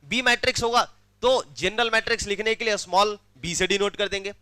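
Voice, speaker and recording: A man lectures a maths class in a high, bright, ringing voice. He keeps asking questions and repeats them to draw answers out of his students. The sound is dry and close. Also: a little fast, no echo. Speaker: maths teacher.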